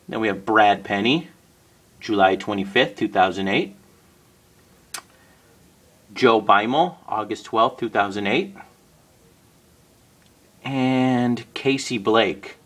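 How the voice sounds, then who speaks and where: A man casually narrating a walkthrough of his collection on home shelves, naming items one after another with the odd pause and self-correction. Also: fairly low pitch. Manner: steady list-like naming with occasional uh and self-corrections. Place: indoors at home by display shelves.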